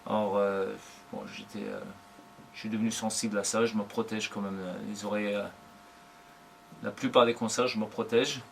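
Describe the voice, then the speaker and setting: A man in his forties, a professional drummer, giving unhurried, thoughtful interview answers in short broken phrases. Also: lowish voice, flat delivery, gravelly, slight background noise. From Germany.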